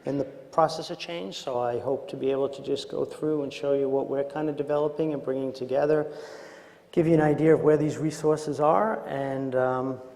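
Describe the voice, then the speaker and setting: A man with a Queens, New York accent gives an informal conference lecture as a doctor, in a hesitant, halting, self-deprecating way. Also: mid-range voice, fairly even intonation, dark tone. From Queens, New York, United States. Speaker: doctor presenting at a medical training. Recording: echoey hall with long reverb.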